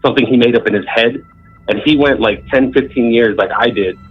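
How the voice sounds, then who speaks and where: Calling in over a muffled phone line with faint music, a man in his thirties from Southern California tells a story in a laid-back, rambling way. His mid-range voice moves a little fast and has a breathy edge.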